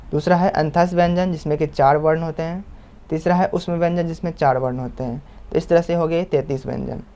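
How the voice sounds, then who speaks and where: Smooth higher-voiced man teaching. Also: mellow. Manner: patient, repeats points and checks in with "है ना"; draws out example sounds slowly. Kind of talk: explanatory lesson. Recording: muffled lo-fi recording.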